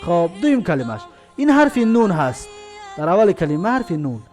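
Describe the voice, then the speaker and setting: A man's voice: sits high, very animated, darkish tone, faint music behind. A man with a Tajik accent teaching an alphabet lesson, spelling out each letter and then saying each word twice, drawn out.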